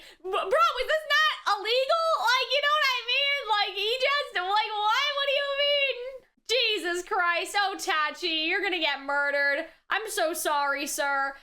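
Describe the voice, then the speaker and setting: Hosting a reaction video, a woman with an extremely high voice gives casual, excitable commentary. She's exclamatory and slangy, lurching between shouting and muttering.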